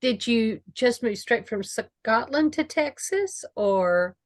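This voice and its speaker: A woman's voice: on the high side, expressive, slow pace, no echo, studio quality. A woman co-hosting an interview, asking curious questions and cutting in. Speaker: co-host. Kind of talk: casual interview chat.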